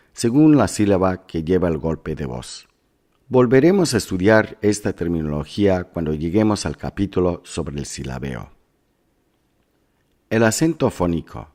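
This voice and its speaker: A man instructor reading scripted class notes in a measured, instructive way as a lesson voice-over. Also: sits low, darkish tone.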